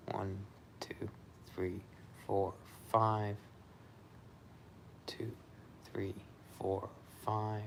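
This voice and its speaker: A man casually talking through an exercise demonstration and counting out repetitions in a low-key, often murmured way. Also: vocal fry, a little hiss or hum. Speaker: vlogger recovering from surgery, demonstrating exercises.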